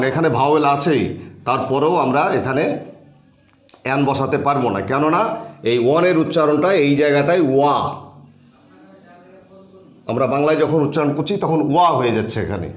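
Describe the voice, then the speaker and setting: A male teacher gives a grammar lesson in a slightly higher voice, walking through each example patiently and repeating his key points. The room is echoey around him. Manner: patient and step by step, with repeated phrases. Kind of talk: grammar lesson explaining on a board.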